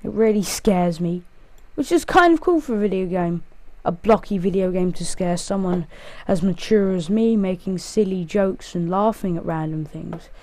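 A man's voice: high voice, moderate pace, hardly any pauses, warm tone. A male gaming host giving casual, rambling gameplay commentary, counting aloud and joking at himself as he plays. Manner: rambling, self-mocking, counts aloud while playing.

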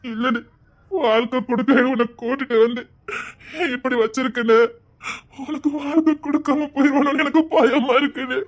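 A man's voice: extremely high pitch, little pitch movement, normal speed, lo-fi sound. A man with a Tirunelveli Tamil accent, playing a young husband who pleads and weeps over his beloved in an emotional melodrama. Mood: tearful. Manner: pleading, tearful, sobbing between lines. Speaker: husband in a web serial.

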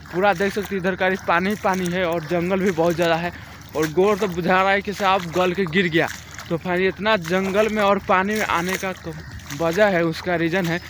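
Walking outdoors through a foggy village field, a young vlogger narrates a casual village vlog into a phone camera at arm's length, in a chatty manner. His high-pitched voice holds a steady tone at a moderate pace against a noisy background.

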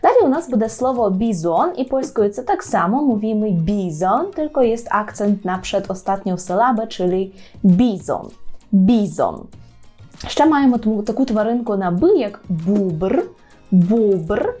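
A woman teaching a language lesson to learners, slowing down to repeat each word carefully. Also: medium pitch, lively intonation, warm tone. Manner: slows down to repeat words carefully. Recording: faint background music.

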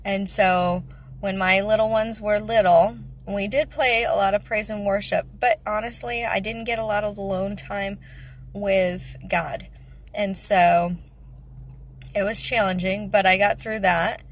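Her voice is mid-range, steady in tone and measured in pace. In her thirties and a mother of five, this vlogger sits in her parked car chatting casually about faith and family into a phone camera at arm's length, rambling with many fillers.

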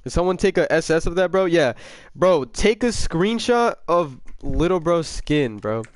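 An excitable young man hosts a casual gaming livestream, bantering with chat in slang and repeating phrases. His voice is smooth and fairly high for a man, with a slightly sick edge, and the close desk-mic recording sounds dry. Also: a little slow, dry recording.

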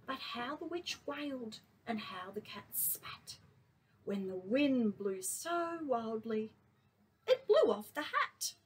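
A kindergarten teacher reading a picture book aloud to children, gentle and expressive. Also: female voice, on the high side, slow, a little hiss or hum.

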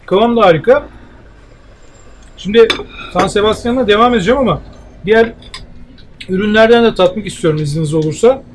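A man in his sixties hosting a food show at a cafe, tasting dishes and speaking in a measured, appreciative way with many hesitations. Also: sits high, a little hiss or hum. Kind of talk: casual tasting interview. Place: outdoor cafe terrace.

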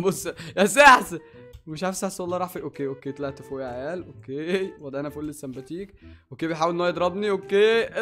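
A man with an Egyptian Arabic accent hosting excited gameplay commentary, playful and teasing, laughing often. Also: high voice. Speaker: gaming YouTuber host.

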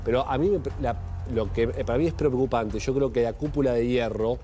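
Argentine TV anchor, measured delivery. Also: male voice, mid-range voice, mellow, faint music behind. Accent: Argentine Spanish. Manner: measured, thinking aloud with fillers. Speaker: news anchor. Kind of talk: live studio panel discussion. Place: TV news studio.

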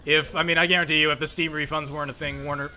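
A man's voice: on the high side, flat delivery, racing, sharp tone, a little hiss or hum. A man ranting profanely while commenting on a video game he is playing. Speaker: let's play host. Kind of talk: casual gaming commentary.

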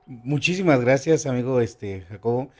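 Expressive Mexican man telling stories. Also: mid-range voice, normal speed. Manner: expressive storyteller, shifts tone and stresses words. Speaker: guest storyteller. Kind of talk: casual podcast conversation.

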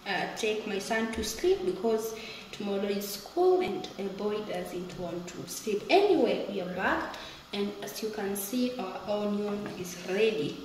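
A woman's voice: medium pitch, big pitch swings, a little slow, darkish tone, a little hiss or hum. A woman vlogger giving casual, chatty commentary while cooking in her home kitchen, often laughing and calling viewers "guys". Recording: echoey kitchen with frying sizzle.

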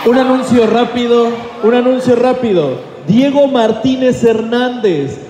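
Brief: man announcer, very high voice, shouting over crowd noise in a reverberant hall. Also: a little slow. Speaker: event announcer. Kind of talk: public announcement.

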